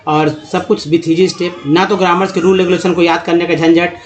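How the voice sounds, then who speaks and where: A man's voice: high voice, flat delivery. Hindi-speaking man teaching English pronunciation. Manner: drawn-out dictation of words, then explanatory chat. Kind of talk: slow word-by-word pronunciation lesson.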